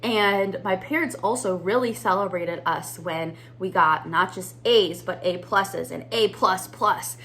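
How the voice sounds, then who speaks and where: With a lowish, fairly bright voice, this U.S. mindset coach for business owners speaks at a measured pace with few pauses. She teaches to camera in a conversational, upbeat manner, addressing her audience as "you guys."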